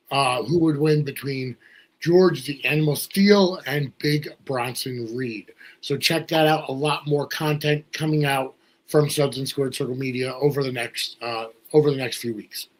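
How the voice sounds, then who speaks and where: Male podcast host, higher register, voice slightly under the weather, casual hosting. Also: rough recording. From US Northeast. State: voice slightly off, not fully recovered. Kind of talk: casual talk show hosting.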